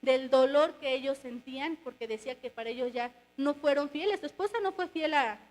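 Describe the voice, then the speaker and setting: A woman with a Mexican Spanish accent delivers a sermon in a high voice. She speaks earnestly and puts questions to the congregation, with frequent fillers and restarts along the way. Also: fairly quick, a little mellow, rough recording. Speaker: preacher.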